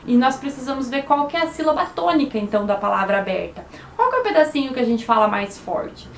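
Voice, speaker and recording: A Brazilian woman with a slightly high voice teaches poetry to children at a patient pace. She spells out syllables and checks in with a questioning "né?". The room sounds echoey, with a faint hiss underneath. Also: very animated, vocal fry. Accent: Brazilian Portuguese. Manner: slow, syllable-by-syllable explanations with frequent "né?". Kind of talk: online lesson for children.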